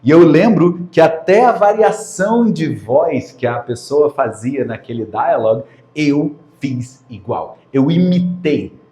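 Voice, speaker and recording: A man from Brazil teaching an English lesson on video, lively and emphatic, often repeating key words. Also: fairly high pitch, slow. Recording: roomy echo.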